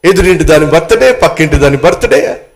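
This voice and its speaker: Animated male preacher, higher-pitched. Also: brisk. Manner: animated storytelling, addressing the congregation directly. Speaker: pastor. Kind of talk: sermon.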